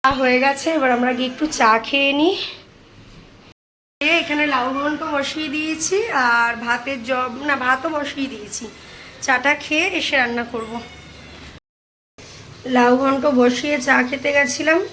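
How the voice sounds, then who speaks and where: Woman from India, high voice, casual home cooking vlog, chatty step-by-step talk, faint noise behind. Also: fairly even intonation, moderate pace, pauses often, bright, forceful tone, poor audio. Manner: chatty, narrates each kitchen task to viewers. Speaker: vlogger. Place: home kitchen.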